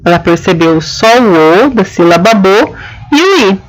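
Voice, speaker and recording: A woman's voice: medium pitch, lively intonation, measured pace, low-quality recording. A woman teaching a lesson, explaining each step patiently and checking in with her listeners. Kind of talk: explanatory lesson on children's writing.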